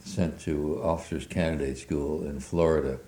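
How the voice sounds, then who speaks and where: Recounting memories for an oral history interview, an older man speaks in an extremely deep, mellow voice with a steady tone. He talks haltingly, his pauses filled with many hesitations, and the recording has a roomy echo.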